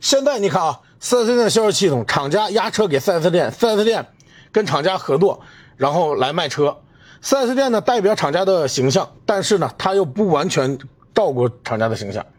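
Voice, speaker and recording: A man's voice: high voice, expressive, a little fast. Indignant man ranting on his podcast. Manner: indignant, emphatic, addresses listener with rhetorical questions. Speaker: podcast host. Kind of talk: solo commentary rant.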